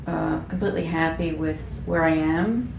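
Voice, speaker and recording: In an echoey room with a faint hum, a fifty-something graphic designer talks frankly about herself in a candid, reflective interview, often self-deprecating and prone to fillers and restarts. Her voice sits low and is gravelly, at a normal speed.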